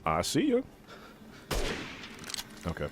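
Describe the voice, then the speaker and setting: A man in his mid-thirties with a very low, deep voice chats loosely over a game, trailing off and restarting his sentences. He swears casually, and a faint hiss of noise sits behind him. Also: huge pitch swings, slow pace. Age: 30s. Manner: rambling, self-interrupting, swears casually. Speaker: let's play host. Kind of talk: casual gameplay chat.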